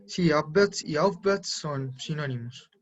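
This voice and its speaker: Explaining German in a live online class, a man with a slow, somewhat high voice patiently goes over each word pair again and asks if there are questions. The recording sounds muffled and lo-fi.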